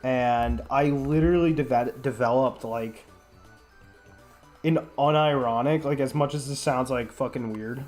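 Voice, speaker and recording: A man's voice: mid-range voice, a little mellow. Young male streamer, sick, rambling profane chat over faint background music. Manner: rambling, heavy filler words, profane. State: sick, congested.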